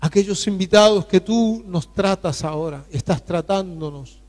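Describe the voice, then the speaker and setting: A male pastor leading a fervent, pleading prayer during a church sermon, with many pauses. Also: sits high, a little mellow, long reverb tail. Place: church sanctuary.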